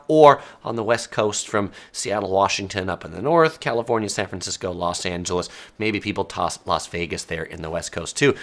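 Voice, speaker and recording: Speaking with a lowish, fairly bright voice, an American man hosts a laid-back live stream about travel myths. He's a travel video host based in Southern California, and his talk is chatty and peppered with ums and uhs.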